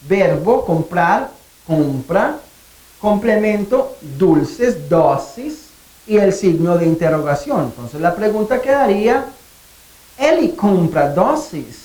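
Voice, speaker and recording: A woman teaching a language lesson, speaking clearly and deliberately and drawing out phrases to show question intonation. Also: medium pitch, dark tone, roomy sound, poor audio.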